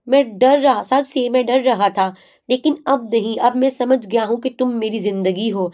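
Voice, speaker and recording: Brief: a woman doing a young husband confessing love, earnest and soft. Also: a little high, close to an everyday voice. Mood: pleading.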